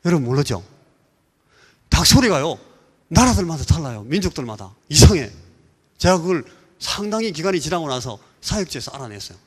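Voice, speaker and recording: A Korean man preaching as pastor, telling an animated story and mimicking rooster crows and voices. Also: fairly high pitch, fairly quick, long pauses, slightly rough. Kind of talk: sermon. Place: church sanctuary. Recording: church hall reverb.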